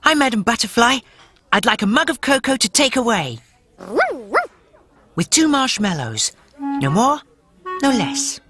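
A woman voicing a cheerful, helpful young male octopus in a cartoon, friendly and eager with a bright boyish voice. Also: a little high, sing-song, measured pace, pauses often, faint music behind. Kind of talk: cartoon voice acting.

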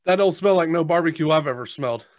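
Fairly high-pitched and quick, this American man in his thirties hosts a snack review, chatting casually and matter-of-factly while crunching on snacks. He sits at a desk indoors on a video call, using a headset, and the recording is dry with clean studio sound.

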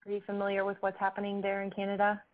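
A woman hosting a webinar reads out audience questions and politely passes them to the panelists. Her voice sits at a medium pitch and comes through a narrow, phone-like line. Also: completely flat delivery, rapid-fire. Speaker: webinar moderator. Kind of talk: moderating webinar Q&A.

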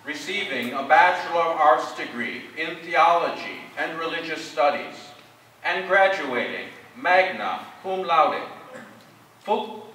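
A man slowly and deliberately reading out graduates' names and degrees at a formal commencement ceremony. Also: fairly high pitch, animated, bright, forceful tone. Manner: slow, measured, deliberate name reading. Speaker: commencement name reader. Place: large ceremony hall. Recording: echoey hall from far off.

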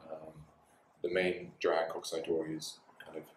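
A man in his forties who owns a bar and dojo is interviewed in a small indoor bar with signed walls, chatting easily with lots of fillers and laughs. His voice is extremely low and monotone at a normal speed. A far camera in the room captures echoey audio with slight background noise.

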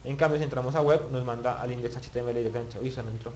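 A man's voice: mid-range voice, steady tone, very fast, a little mellow, highs cut off. A man teaching web page building in a screen-recorded tutorial, thinking aloud and muttering as he clicks, with many restarts. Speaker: web development instructor.

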